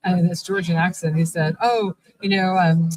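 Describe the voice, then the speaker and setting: A guest at a convention event, this middle-aged woman who runs a vampire shop tells a rambling story in a casual live interview, restarting frequently. Her fairly low, darkish voice holds a steady tone at normal speed.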